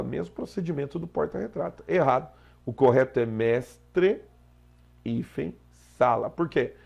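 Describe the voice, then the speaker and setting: A Brazilian teacher with a fry-edged, mid-pitched male voice works through exam questions. He explains step by step, checking in with the students often. It sounds like a plain desk-mic lesson. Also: darkish tone. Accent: Brazilian Portuguese.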